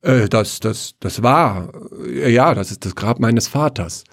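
A man's voice: lowish voice, lively intonation, measured pace, darkish tone, husky, no room sound, clean studio sound, heavily acted. A man voicing a nervous young man who stammers and hurries through his words. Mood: flustered.

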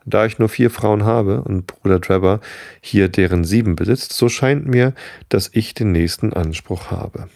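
A man's voice: lowish voice, a little slow, creaky, darkish tone, no echo, clean studio sound. A man reading the part of a boastful, self-important young suitor. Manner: boastful, pleading, later threatening. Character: pompous, eager young male suitor, self-important elder's son.

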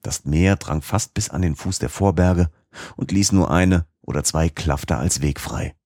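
A man narrating a classic novel in the first person, in a measured, literary reading. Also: deep voice, dark tone, no echo, studio quality. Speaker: audiobook narrator.

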